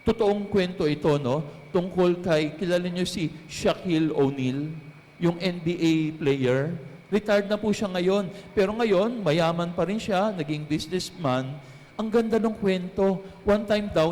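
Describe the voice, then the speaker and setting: A man preaching a homily, his somewhat high voice ringing through a church with long reverb. He tells a story in an easy way and keeps turning questions back to the congregation. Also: a little slow, darkish tone. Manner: storytelling preacher, mixing in English phrases, asks the congregation questions. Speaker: priest. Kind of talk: homily at Mass.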